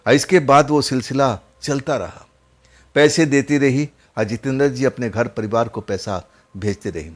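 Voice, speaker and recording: A man's voice: medium pitch, moderate pace. A man narrating a horror story in a casual, conversational way, often repeating his phrases.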